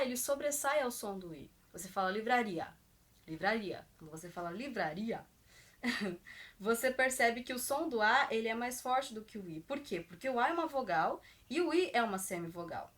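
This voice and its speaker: A young woman teaching a grammar lesson, patiently repeating example words and stretching them out slowly. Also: fairly high pitch, fairly bright tone. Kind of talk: explaining grammar to viewers.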